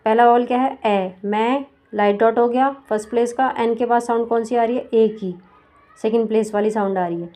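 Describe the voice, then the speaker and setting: Woman, teacher, higher voice, sounds out syllables slowly, asks questions while explaining. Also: steady tone, dark tone. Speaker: shorthand teacher. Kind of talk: step-by-step lesson explanation.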